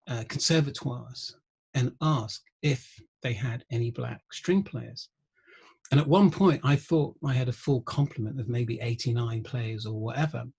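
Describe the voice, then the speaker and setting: A middle-aged man, a guest musician and researcher, telling wry anecdotes in an interview, often pausing with ums. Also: medium pitch, a little mellow, slightly rough. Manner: anecdotal, wry, laughs through stories, frequent ums. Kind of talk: conversational interview storytelling.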